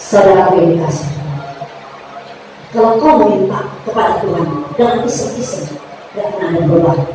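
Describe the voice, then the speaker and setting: Woman preacher, emphatic and sing-song. Recorded from far off in a reverberant hall with faint noise. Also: a little high. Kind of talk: sermon.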